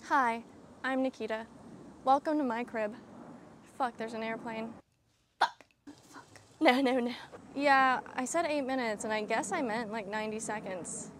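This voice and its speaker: A woman's voice: on the high side, fairly even intonation, normal speed, slight background noise. A young woman vlogging casually about her new camper, rambling, self-mocking and swearing off-handedly. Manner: chatty, self-deprecating, swears casually, laughs often. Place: camper trailer and outdoor land.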